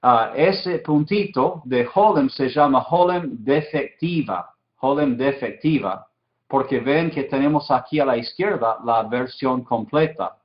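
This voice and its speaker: Slow, patient man teaching a class. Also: medium pitch. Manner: patient, checks understanding with frequent "¿sí?" and "¿ok?"; repeats key terms, many "ah" fillers. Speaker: Biblical Hebrew teacher. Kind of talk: slow explanatory lecture. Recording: dull lo-fi recording.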